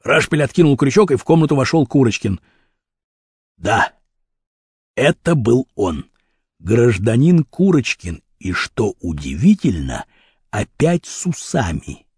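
A man narrating a children's adventure story with expressive, vivid storytelling. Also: medium pitch, unhurried, long pauses, breathy edge, no echo, studio quality. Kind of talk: audiobook reading of a children's adventure novel.

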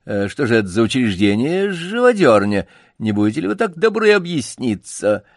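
A man's voice: mid-range voice, very animated, moderate pace, no echo, studio quality. A man voicing a hot-tempered young male dog who speaks politely but heatedly. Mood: indignant.

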